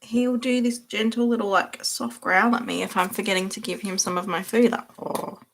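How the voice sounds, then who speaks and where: A woman's voice: mid-range voice, steady tone, a little fast, gravelly. A young woman hosting a casual livestream, chatting and laughing while she answers viewers by name as she works. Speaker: livestream host.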